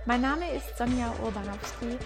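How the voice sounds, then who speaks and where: A woman's voice: on the high side, moderate pace, music in the background. A woman hosting a podcast interview, greeting her guest with enthusiastic, friendly talk. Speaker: podcast host.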